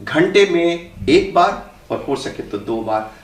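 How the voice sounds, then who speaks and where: A man demonstrating breathing and walking tests in a calm, instructive way as a doctor. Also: on the high side, slow pace, roomy sound, distant mic. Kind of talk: health demonstration talk. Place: indoor room.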